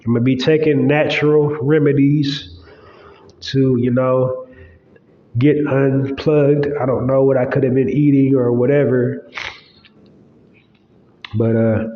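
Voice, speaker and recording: Talking loosely on his own podcast, a man with a congested nose drifts along using many fillers. His medium-pitched voice barely changes pitch, and he takes it slowly with frequent pauses, in a recording that is roomy, long-echoing, and slightly dull.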